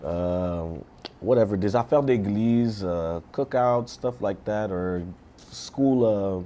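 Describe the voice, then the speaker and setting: A man, a singer guest in a casual interview, relaxed and switching often between French and English. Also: fairly low pitch, slow pace.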